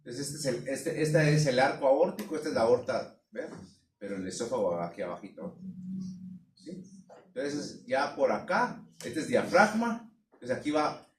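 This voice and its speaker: A man teaching a veterinary anatomy class, pausing often to check that students follow. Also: medium pitch, very animated. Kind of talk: classroom lecture. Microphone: distant room mic. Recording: echoey room from far off, some noise.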